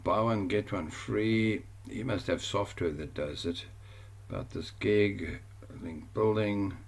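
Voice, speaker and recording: A man with a South African accent teaches an online course over a screen share. His voice is fairly low, slow, and gravelly, and his chatty delivery rambles as he often corrects himself.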